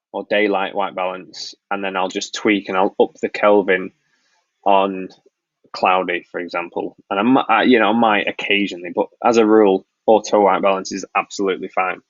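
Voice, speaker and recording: A wedding filmmaker from Blackpool in Lancashire, northwest England, hosts a casual live-stream Q&A, reading out questions from the chat. His voice is low and gravelly with a Northern English accent, and his delivery is relaxed and rambling, with frequent ums and restarts. The recording is dry and the audio sounds dull.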